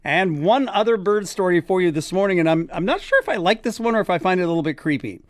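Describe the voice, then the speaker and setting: A male morning radio host with a high, very lively voice that swings up and down as he reads quirky news items and adds wry remarks. The sound is dry and close, straight off a studio mic. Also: fast talker, dry recording. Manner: chatty, wry asides. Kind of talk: reading news stories on air.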